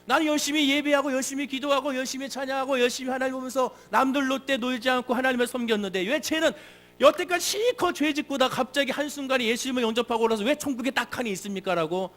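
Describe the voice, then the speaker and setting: A man's voice: very high-pitched, fast, fairly bright tone, pitched above the performer's own voice. A male pastor voicing a resentful lifelong believer who complains indignantly in a sermon.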